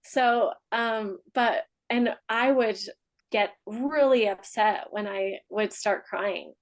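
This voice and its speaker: On poor audio, a woman of medium pitch leads a mastermind coaching group in a chatty manner, laughing frequently. Her coaching talk eventually trails off into a gentle, slow guided meditation.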